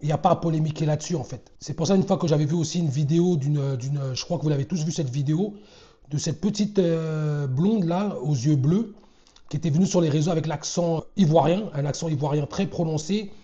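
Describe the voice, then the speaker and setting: A man's voice: fairly high pitch, a little fast, mellow, muffled recording. A man casually commenting on comedy clips, talking conversationally with frequent hesitations. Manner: conversational, many fillers and restarts.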